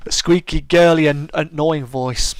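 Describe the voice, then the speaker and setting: A man with a smooth, soothing voice, a little high in pitch, chats unhurriedly with stream viewers in fairly even tones, with no room sound. He reads their comments and responds as host of a casual live chat. Friendly and talkative, he restarts and stammers a lot.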